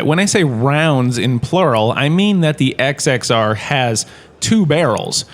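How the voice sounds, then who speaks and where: Here the male actor's mid-range, everyday-sounding voice brings to life a washed-up entertainer turned university lecturer. The character is pleased with himself, chatty, and keeps drifting off topic, all within a comedic sci-fi audio drama.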